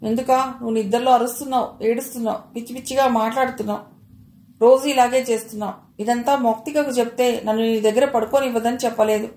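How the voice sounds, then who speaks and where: A woman reading aloud and voicing a suspicious, sharp-tongued older mother-in-law who scolds and accuses, with a slightly high voice in a roomy space. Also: steady tone, quick pace, natural voice. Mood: scolding. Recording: roomy echo.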